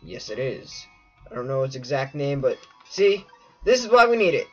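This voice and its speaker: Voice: mid-range voice, sing-song, moderate pace. A let's play host chatting casually over gameplay and talking to the viewers in a playful way. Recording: muffled lo-fi mic with faint game music.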